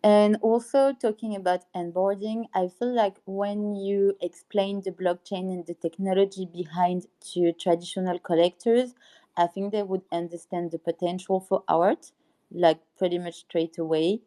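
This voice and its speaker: A woman's voice: medium pitch, fairly even intonation, moderate pace, mellow. A woman speaking as a guest in a casual live audio chat, upbeat and enthusiastic. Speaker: guest, art curator.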